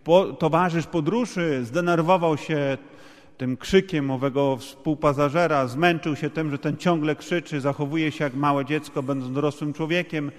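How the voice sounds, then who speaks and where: A man's voice: on the high side, fairly even intonation, moderate pace. A man interpreting a sermon in a church, restating each point at length with fillers. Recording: long hall reverb.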